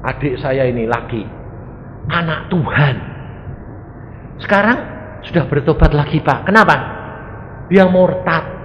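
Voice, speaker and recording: A man preaching a sermon, telling stories and acting out the people in them with sudden shouts. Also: fairly high pitch, a little slow, pauses often, dull audio. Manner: animated, acts out quoted voices, sudden shouts. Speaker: evangelist preacher. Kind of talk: sermon with storytelling. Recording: echoey hall with faint noise.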